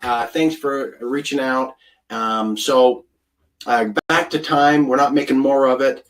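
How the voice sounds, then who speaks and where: A man's voice: mid-range voice, fairly even intonation, a little slow, a bit bright, far from the mic. A man, a food scientist, giving a live online presentation in an earnest, storytelling way with frequent ums and uhs.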